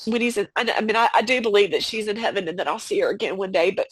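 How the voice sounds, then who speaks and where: A woman guest on a podcast, speaking about a personal loss in a halting way, full of fillers and restarts. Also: medium pitch, slightly rough, dry recording. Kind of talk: emotional personal conversation.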